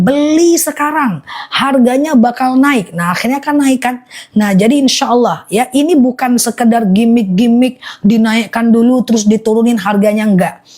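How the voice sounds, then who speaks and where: Woman on a live sales stream, kinda high voice, reads out comments and repeats prices a lot. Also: darkish tone. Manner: reads viewer comments aloud, repeats prices and lists slowly. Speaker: live-stream honey seller. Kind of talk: live shopping sales pitch.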